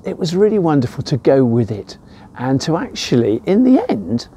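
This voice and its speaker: Sing-song and a bit high, this older Englishman's mellow voice has a breathy edge and moves at a moderate pace. He presents a church devotional informally and emphatically, drawing on stories from his own life.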